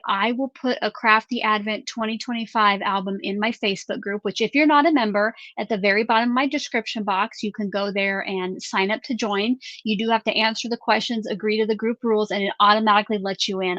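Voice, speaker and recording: A woman's voice: medium pitch, steady tone, brisk, few pauses, a bit bright, no echo, dull audio. A woman hosting a craft live stream in casual chat. She reads out viewer names and questions in an upbeat way.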